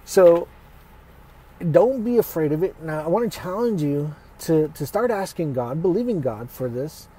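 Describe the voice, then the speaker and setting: Husky, dark-voiced man teaching casually. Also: fairly high pitch, expressive, measured pace, low-quality recording. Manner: conversational, speaks straight to listeners.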